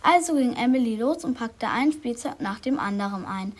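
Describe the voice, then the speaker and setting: A young presenter of a school radio show, reading out a book tip with small restarts. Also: female voice, a little high, animated, normal speed.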